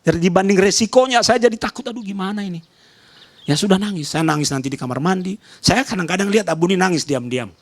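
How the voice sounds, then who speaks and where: A male pastor from Nias preaching a sermon with emphasis. He swings between loud raised calls and soft low asides, repeats short phrases and speaks straight to the congregation. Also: lively intonation, fast talker, few pauses. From Nias, Indonesia.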